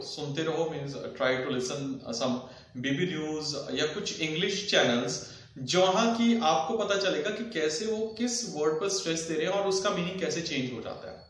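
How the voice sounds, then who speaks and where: Male tutor, mid-high voice, instructive and repetitive, very reverberant room, mic at a distance. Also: a bit bright. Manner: instructive, repeats points for emphasis. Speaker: exam prep teacher. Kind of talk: explanatory lesson, mixing Hindi with English phrases.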